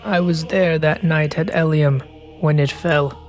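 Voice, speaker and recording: A man's voice: a little high, fairly even intonation, unhurried, faint music behind, pitched above the performer's own voice, natural voice. A man voicing a grim, haunted warrior. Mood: grave. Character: haunted grim male warrior, weary survivor. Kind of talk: tabletop role-play in character.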